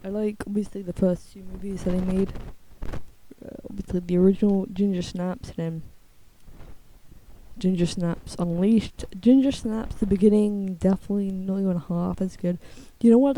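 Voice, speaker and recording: A woman's voice: normal speed, mellow. A young woman in a casual, blunt, slangy ramble, her speech slightly lisped by the dental retainers she is wearing. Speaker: video creator. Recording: low-quality muffled microphone.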